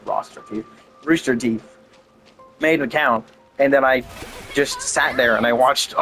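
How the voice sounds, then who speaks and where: A man's voice: mid-range voice, low-quality recording. Rambling man commenting on his game. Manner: rambling, swears casually, thinks out loud. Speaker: gaming video creator. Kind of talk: casual gameplay commentary.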